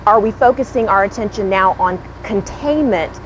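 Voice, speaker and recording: A woman news anchor introducing stories and asking a measured question. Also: medium pitch, highs cut off, slight background noise.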